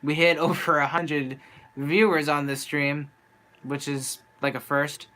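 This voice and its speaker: A man's voice: a little high, little pitch movement, measured pace, pushed and bright. A young man venting as a sports fan on a live stream, frustrated and rambling, with a voice worn from talking for nearly an hour. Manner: frustrated, rambling, restarts often. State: losing his voice. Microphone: handheld camera.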